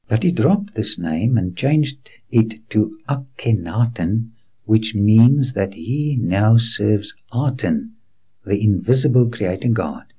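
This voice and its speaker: A man narrating a documentary in a slow, unhurried delivery, guiding the viewer from place to place like a tour guide. His voice is low, dark and a little husky. His intonation rises and falls widely as he speaks earnestly and reassuringly to the viewer as a friend. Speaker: documentary presenter. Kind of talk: scripted documentary narration with preaching asides.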